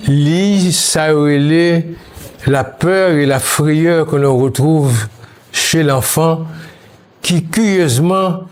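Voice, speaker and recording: A man from Haiti, speaking as an interview guest, recalling his childhood in a slow, musing way that mixes Creole and French. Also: a little high, vocal fry, darkish tone. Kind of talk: reflective interview talk.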